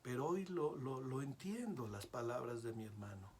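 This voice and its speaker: A man preaching a sermon as pastor, swinging from hushed whispers to loud cries and calling out to his listeners as brothers. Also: medium pitch, normal speed, slight background noise. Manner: repeatedly addresses listeners as brothers.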